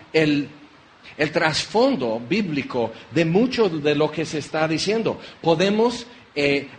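Man, pastor preaching, high voice, animated, faint background noise. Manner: animated, acts out quoted voices. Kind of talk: sermon.

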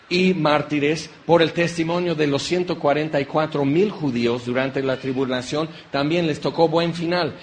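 A man preaching a sermon as a pastor, lively and acting out little quoted voices. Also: fairly high pitch, a little hiss or hum. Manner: animated, acts out quoted voices.

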